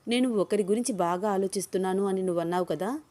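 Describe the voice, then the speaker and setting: A woman's voice: medium pitch, quick pace, dark tone, natural voice. A woman reading a story, voicing a young man who teases the woman he is falling for. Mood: teasing. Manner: playful, teasing questions. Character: young man, teasing, smitten office boss.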